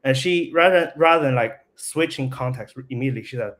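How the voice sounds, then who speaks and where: A man, a company CEO, speaking as an interview guest in a casual, halting way, restarting his sentences often. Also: medium pitch, fairly bright tone.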